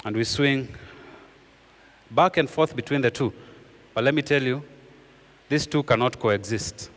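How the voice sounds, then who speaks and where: A man preaching a sermon as pastor, earnestly repeating key phrases and dropping his voice low for emphasis. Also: a little slow, fairly bright tone, long reverb tail.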